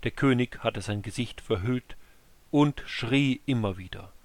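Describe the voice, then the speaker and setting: A man reading a Bible chapter aloud in a measured, solemn narration. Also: on the low side, darkish tone, no echo. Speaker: reader.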